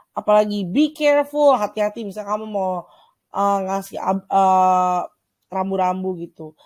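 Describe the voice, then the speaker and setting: A young woman from Indonesia with an Indonesian accent gives a casual lesson over slides, saying English words slowly between relaxed talk full of fillers. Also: medium pitch, dry recording. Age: young adult. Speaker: student volunteer teacher.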